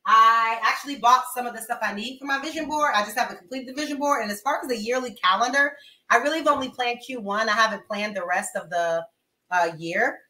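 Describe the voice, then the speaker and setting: A bright, high-voiced young woman hosts a cooking livestream from her home kitchen, casual and slangy as she moves around and chats with viewers. A webcam-style mic at arm's length or farther picks her up in an echoey room, and the recording is rough.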